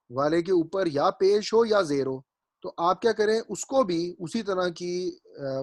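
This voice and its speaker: A man's voice: a little high, no echo. A man teaching Arabic grammar in a classroom lecture. He explains step by step, repeats his points and keeps checking that his students understand.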